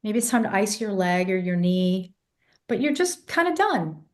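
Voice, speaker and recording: This vocal coach, a woman who grew up in England, narrates anecdotes in a casual interview with real animation, even acting out vocal sounds. Her stuffy, congested voice is less clear than normal. Her pitch is medium and her pace moderate.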